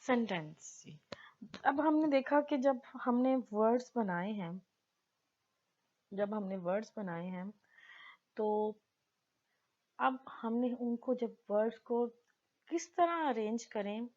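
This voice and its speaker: A woman teaching basic grammar, explaining in Hindi-Urdu and slowly reading definitions aloud. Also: a little high, darkish tone, dull audio. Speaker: English teacher.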